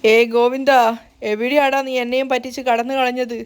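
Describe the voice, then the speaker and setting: Woman reading a fretful middle-aged uncle, high voice, pleading. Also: level tone, normal speed, clear, resonant tone, close to an everyday voice. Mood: anxious. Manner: pleading, worried. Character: flustered middle-aged man, anxious uncle.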